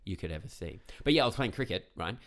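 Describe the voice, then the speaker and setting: Low-voiced man, rambling casual. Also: fast. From Australia. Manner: rambling, filler-heavy, animated. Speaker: podcast guest, comedy writer. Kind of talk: casual chat.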